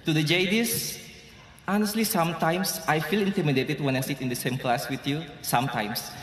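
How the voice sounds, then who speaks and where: A man's voice: on the high side, fairly even intonation, normal speed, fairly bright tone. A man with an Indonesian accent, giving an earnest, grateful commencement speech with light humor in a large hall. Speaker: graduation speaker. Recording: echoey hall with crowd.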